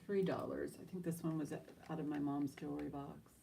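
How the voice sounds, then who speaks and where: A woman's voice: sits low, fairly even intonation, fairly quick, vocal fry, background noise. A woman running a live online auction as auctioneer, mixing casual, chatty patter with bid calls in an informal, rambling way.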